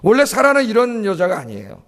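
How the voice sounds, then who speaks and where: Man pastor with a high voice preaching a Sunday sermon in church, often stopping to quiz the congregation. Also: huge pitch swings, fast talker. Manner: asks the congregation questions and answers them himself; often adds a questioning "예?". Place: church sanctuary.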